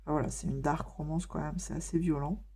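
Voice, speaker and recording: Chatty French-speaking woman, lower voice. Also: steady tone, brisk, dark tone, slightly rough. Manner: chatty, many hesitations and fillers. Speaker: vlogger. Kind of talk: casual chat while coloring.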